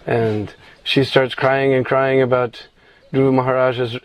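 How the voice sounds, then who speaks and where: A man's voice: mid-range voice, flat delivery, unhurried, no echo, lo-fi sound. A man telling a scripture story in an informal sermon, meandering with restarts and frequent "you know".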